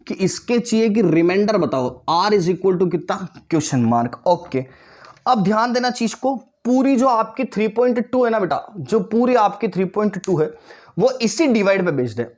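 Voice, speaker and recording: A man's voice: sits high, animated, normal speed, a little mellow. A man in his twenties teaching a maths lesson in an online class. He coaxes his pupils, keeps checking that they understand, and slips in joking asides. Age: 20s. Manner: coaxing, keeps asking students if they understood; calls pupils "beta" and "bhaiya", joking asides.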